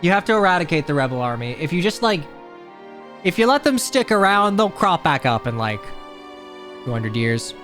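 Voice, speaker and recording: A man's voice: on the high side, sing-song, normal speed, over music. A man giving casual, wry commentary as he plays through a video game. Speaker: game streamer.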